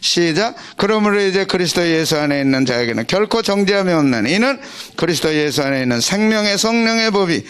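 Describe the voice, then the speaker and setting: A man's voice: sits high, animated, fairly quick, a bit bright, clean tone. An older man, a senior pastor, preaching a conversational, emphatic sermon and calling out to his congregation.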